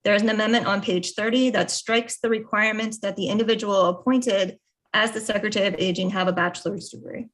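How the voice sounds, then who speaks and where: A woman's voice: mid-range voice, fairly even intonation, fast, fairly bright tone, rough recording. An American woman on committee staff reading out a formal legislative summary. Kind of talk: formal read-out bill summary.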